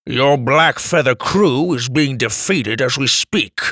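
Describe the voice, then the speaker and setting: A man voicing a bold, gruff old grandfather who leads the group. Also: on the high side, sing-song, normal speed, bright, forceful tone, no echo, clean studio sound, exaggerated voice. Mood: stern. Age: older. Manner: commanding, gruff.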